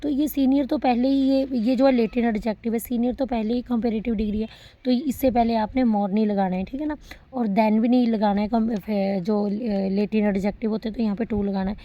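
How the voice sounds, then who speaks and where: A young woman teaching English grammar in Hindi, reading example sentences slowly and calling her students beta. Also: fairly high pitch, steady tone, lo-fi sound. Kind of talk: classroom lecture.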